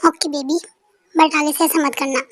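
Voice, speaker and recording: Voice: sits high, level tone, normal speed, a bit bright, a little hiss or hum. A young performer voicing a clingy young girlfriend who coos and makes demands in a fan-dubbed audio story. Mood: cooing. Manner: cooing, demanding.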